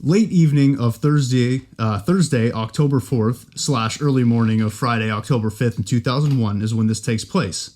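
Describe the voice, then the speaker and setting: A man's voice: medium pitch, moderate pace, hardly any pauses, a little mellow. A young man from California co-hosts a podcast, chatting casually. He jokes a lot, rambles, and pokes fun at himself. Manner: joking, rambling, self-deprecating. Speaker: podcast co-host. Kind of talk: casual chat.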